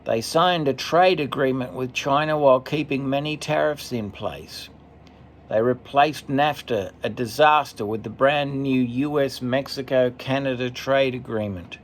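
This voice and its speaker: A man commentating as he reads a list off a screen, steady, with occasional stumbles and asides. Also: medium pitch, a little slow, a little hiss or hum. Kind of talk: reading from a screen, casual commentary.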